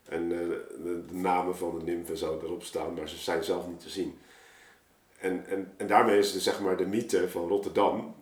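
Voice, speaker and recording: A podcast guest known for making audio dramas rambles through casual stories in colloquial speech, working out his thoughts as he goes. His low voice has a flat delivery at a moderate pace, and the room is spacious and echoey.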